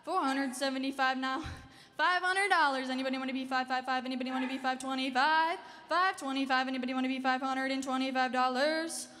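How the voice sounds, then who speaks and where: A teenage young woman calling bids in a fast, repetitive, rolling auctioneer chant on a ballroom stage. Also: high-pitched, fairly even intonation, bright, forceful tone, soft background music. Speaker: junior auctioneer contestant. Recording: hall reverb, noisy ballroom stage.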